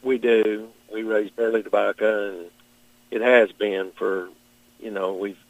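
A middle-aged man with a Kentucky Southern accent, answering interview questions as a farmer in a plain-spoken, halting, measured way. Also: fairly low pitch, level tone, dry recording, poor audio. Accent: Southern American, Kentucky.

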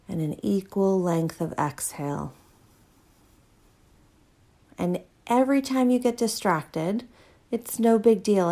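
Female meditation guide, lowish voice, very slow calm delivery. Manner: slow, soothing, unhurried guidance. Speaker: mindfulness teacher.

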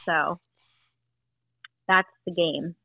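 A woman in her fifties, chatty and quick to laugh, answering questions in a casual family interview at home. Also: on the low side, steady tone, vocal fry, pushed and bright, breathy edge, no echo, muffled recording. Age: 50s. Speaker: interviewee, aunt.

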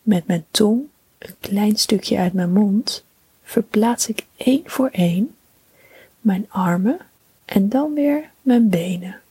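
A woman narrates a children's bedtime story almost entirely in a breathy whisper. She speaks very slowly and soothingly, her voice close and dry with no room sound around it. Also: mid-range voice, dry recording, rough recording. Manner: slow, soothing, calm.

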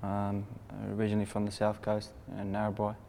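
Flat-voiced young Australian man. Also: lowish voice, brisk, slight background noise. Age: 20s. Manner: hesitant, many fillers. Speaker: youth panel guest. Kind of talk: casual discussion.

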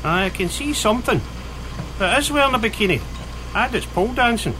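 A man's voice: sits high, expressive, fairly quick, noisy background. An actor playing an affable, mock-formal workshop handyman with a dry sceptical manner in an audio comedy. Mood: dry, teasing.

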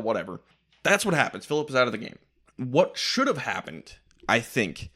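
A man co-hosting a podcast, recapping reality TV in casual, animated chat with frequent laughs. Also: mid-range voice. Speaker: podcast co-host.

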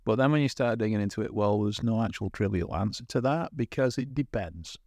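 A man's voice: lowish voice, a little fast, a little mellow, no echo, studio quality. Rambling, stop-start English man on a podcast. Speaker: podcast guest, former co-host. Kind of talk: casual chat.

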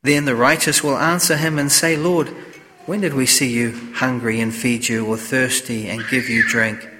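A clergyman reading the Gospel and preaching a homily at Mass in a measured, solemn way, his voice echoing through a large church. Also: medium pitch, steady tone, sharp tone, slight background noise. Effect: cathedral echo, long church reverb. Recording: long echo of a large church.

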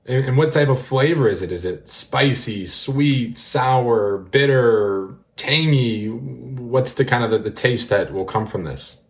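A man's voice: medium pitch, unhurried, hardly any pauses. A man hosting a podcast interview, asking questions and affirming his guests' answers in an encouraging way. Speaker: podcast host. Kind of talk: interview moderation.

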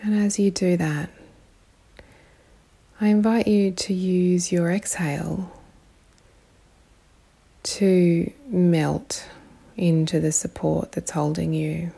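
A woman leads a guided meditation in a calm, meditative tone. Her low voice is mellow and gravelly, soft and breathy at the edges. She leaves long, unhurried pauses between short phrases.

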